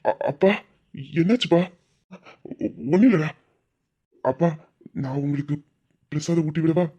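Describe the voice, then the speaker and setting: A woman's voice: deep voice, unhurried, dark tone, breathy edge, pitched below the performer's own voice. A woman voicing a meek young son who stammers shyly in an amateur audio drama. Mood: timid. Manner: timid, stammering.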